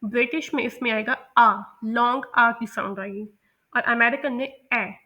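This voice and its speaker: A woman's voice: a little high, fairly even intonation, normal speed, pushed and bright, dull audio. A woman from Pakistan with a Pakistani accent teaching English pronunciation patiently, often repeating and correcting herself. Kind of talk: explanatory lesson, mixing Hindi-Urdu with English.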